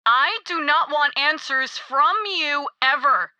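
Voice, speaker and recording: A cult queen from a video game, sweet on the surface and murderous underneath. Her voice is high and bright, leaping up and down in mocking sing-song, and she takes her time with every word. The sound is dry and close. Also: slow pace, no echo, highs cut off, heavily acted. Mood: condescending. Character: gleeful, cruel young woman cult queen. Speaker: cult leader God Queen.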